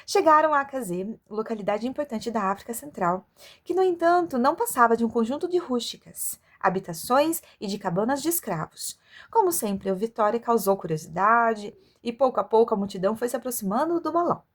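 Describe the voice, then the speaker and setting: A woman with a fairly high voice reads an adventure story aloud for children. Her delivery is expressive and storylike, that of an amateur narrator who occasionally stumbles and corrects herself. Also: fairly quick. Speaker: audiobook reader for children.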